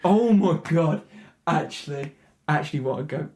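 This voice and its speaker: A man's voice: a little high, animated, moderate pace, dark tone. A young man from Britain co-hosting a podcast in casual chat, joking and laughing often while talking over his friend. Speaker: podcast co-host.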